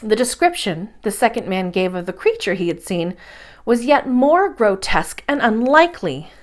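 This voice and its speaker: Reading a children's story aloud, a female storyteller uses expressive, measured phrasing and leans into dramatic emphasis. Her voice falls in the mid range.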